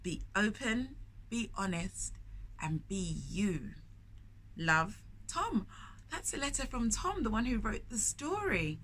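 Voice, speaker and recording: This time the London storyteller's voice is mid-range, sing-song, slow and a bit bright. The middle-aged woman reads a picture book expressively at a bookshop storytime, chatting and asking the children questions as she goes, with the shop's ambient noise clearly heard behind her.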